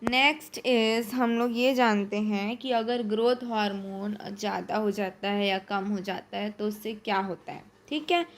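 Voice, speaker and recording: A woman from Chhattisgarh, India, giving an exam-prep lecture. She reads English notes slowly, then explains quickly in Hindi, asking and answering her own questions. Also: medium pitch. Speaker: teacher.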